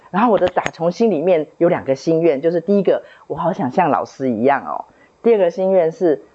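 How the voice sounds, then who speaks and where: A woman's voice: lowish voice, a little mellow, muffled recording. A woman in her fifties telling a personal story from childhood in an earnest, reflective way, often repeating herself as she remembers. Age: 50s. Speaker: book club member sharing a testimony.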